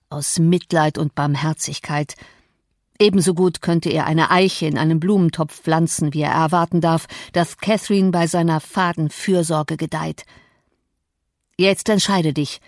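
A woman's voice: deep voice, fairly even intonation, measured pace, no echo, clean studio sound. Woman voicing a brooding, menacing man. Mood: commanding. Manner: forceful, threatening, commanding. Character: brooding, menacing grown man, domineering and violent. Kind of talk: audiobook reading.

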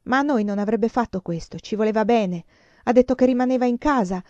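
A woman's voice: on the high side, a little fast, darkish tone, dry recording, muffled recording, voice pushed up, natural voice. Woman voicing an urgent, pleading schoolgirl. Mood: upset. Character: anxious, insistent teenage schoolgirl.

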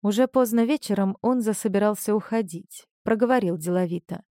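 A woman narrating a story in a measured, expressive way. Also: medium pitch, no room sound, clean studio sound.

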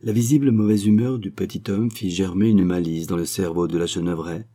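A male audiobook reader narrating a novel at a measured, even pace. His voice sits very low and dark, with a husky grain to it.

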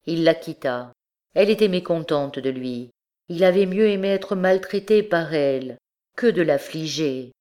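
Low-voiced woman reading a classic novel. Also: dark tone. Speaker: audiobook reader. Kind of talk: scripted narration of a classic novel.

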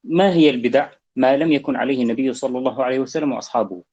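A man teaching a lesson stops a reading to explain the text. He asks a question and then answers it himself. His pitch is average and the recording sounds a little dull. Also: very fast, a little mellow. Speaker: teacher giving commentary. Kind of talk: lesson commentary.

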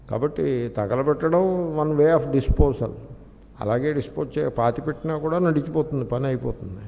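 A man giving a scripture discourse as a spiritual teacher, acting out dialogue in quick anecdotes, in an echoey hall recording of poor quality. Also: medium pitch, vocal fry, dark tone, muffled recording.

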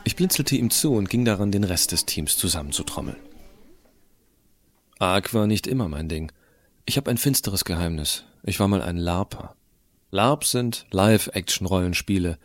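Here a man takes on the role of a geeky, cheeky teenage boy, narrating his story in expressive, colloquial first person for an audio drama. He speaks in a low voice at normal speed over slight background noise, sounding wry and animated.

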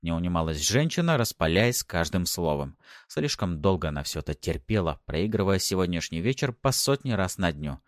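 A man's voice: low-pitched, big pitch swings, fairly quick, no room sound, clean studio sound. A man narrating an audiobook with wry first-person storytelling.

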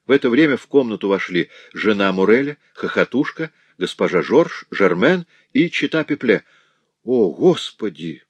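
A man narrating a novel as an audiobook reader, measured and slowing in tense moments. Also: fairly low pitch, expressive, breathy edge, no room sound, muffled recording.

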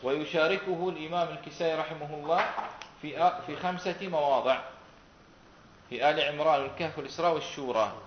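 A man's voice: a little high, fast. A man teaching a Quran recitation class, asking his students questions and repeating their answers. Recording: roomy, dull recording with faint noise.

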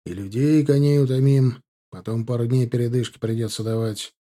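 A man voicing a calm general who lays out a march plan in a decisive, measured way. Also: medium pitch, lightly acted.

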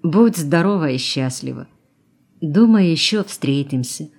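A woman reading the lines of a gentle, reserved woman doctor. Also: low-pitched, expressive, unhurried, husky, exaggerated voice.

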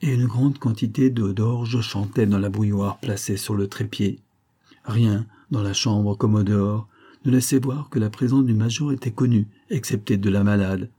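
A man narrates a classic novel for an audiobook, reading in a measured, expressive way with a fairly low pitch.

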